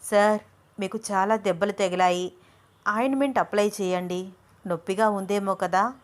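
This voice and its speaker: A touchy young woman student in an audio story, played by the female narrator. She speaks in an indignant, accusing tone in a plain middle-pitched voice. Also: normal speed, lightly acted. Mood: gentle.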